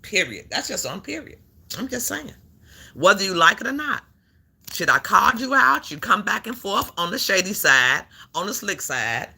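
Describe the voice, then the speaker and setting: A live-stream host who talks in bright, husky bursts with a lively, swooping pitch. They repeat lines over and over, call people out, and answer back to a video playing in the background. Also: normal speed. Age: adult who works a job. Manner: animated, repeats phrases, calls people out. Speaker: livestream host. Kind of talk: casual live-stream commentary.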